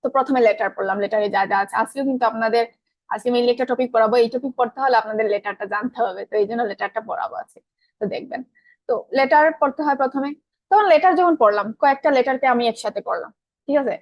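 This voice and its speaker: A woman's voice: fairly high pitch, fast, dry recording. A young woman teaching an online grammar class in a casual, colloquial style, often asking her students questions and answering them herself. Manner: colloquial, mixes in English terms.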